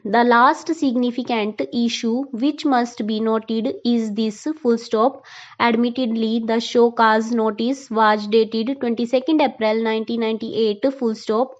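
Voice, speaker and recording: A woman reading a court judgment as steady shorthand dictation, saying each full stop and bracket aloud. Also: fairly high pitch, dull audio. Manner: measured, reads punctuation aloud. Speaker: dictation reader. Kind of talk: legal dictation at a set pace.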